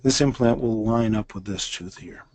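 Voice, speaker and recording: A man's voice: fairly low pitch, moderate pace, darkish tone. A man in his sixties giving a lecture that walks listeners through a dental case. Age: 60s. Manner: explanatory, walks through images step by step.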